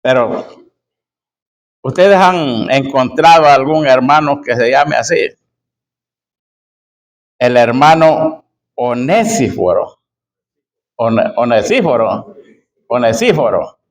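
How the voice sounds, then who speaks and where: Pastor guy, slow sermon, repeats lines for emphasis, calls folks brother. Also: medium pitch, poor audio. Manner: emphatic, repeats key phrases slowly; addresses listeners as brother and sister. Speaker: preacher.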